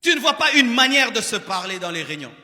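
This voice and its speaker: A man's voice: very high-pitched, sing-song, quick pace, bright, forceful tone. A man with a Congolese accent giving an admonishing sermon as a pastor, repeating phrases for emphasis. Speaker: pastor preaching. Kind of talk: sermon with acted examples and direct address. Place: large church hall, preaching to a crowd. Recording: reverberant hall.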